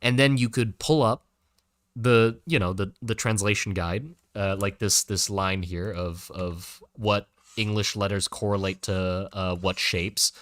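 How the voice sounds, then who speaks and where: Low-ish guy chatting on his stream, lots of ums and restarts, loud excited bursts, dry sound. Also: unhurried, no room sound. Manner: rambling, hesitant, many filler words and restarts. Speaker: livestream host. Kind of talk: casual livestream chat.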